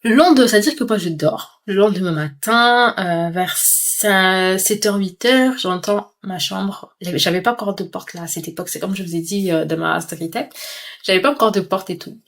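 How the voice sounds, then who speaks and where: A young woman from Comoros and Mayotte in her twenties, telling a lively storytime vlog and acting out crying and pleading. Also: mid-range voice, normal speed. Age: 20s. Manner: animated retelling, mimes crying and pleading. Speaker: vlogger.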